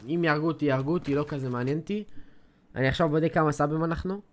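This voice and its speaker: An eighteen-year-old man from Israel streaming a game live, boasting and trash-talking to his chat in a hyped, slangy way. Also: fairly high pitch. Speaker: gaming streamer.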